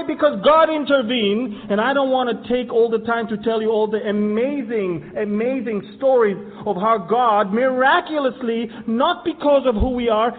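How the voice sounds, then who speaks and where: Israeli-born guy preaching, gets loud and emphatic, thin phone-like audio, long reverb. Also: very high voice. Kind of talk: sermon on Bible prophecy. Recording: tinny phone-like sound with long hall reverb.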